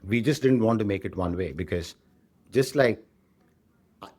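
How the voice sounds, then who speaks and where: A tech company CEO with an Indian accent answers interview questions in a fairly low, darkish voice at a moderate pace. He explains things conversationally and keeps checking in with short tag questions, often ending sentences with "right?".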